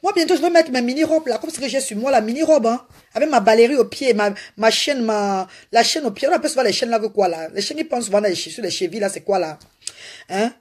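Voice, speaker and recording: A woman's voice: on the high side, fast, a little mellow, husky. A woman hosting a casual live stream, talking animatedly and repetitively to her viewers and greeting them by name. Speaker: live-stream host selling a slimming potion.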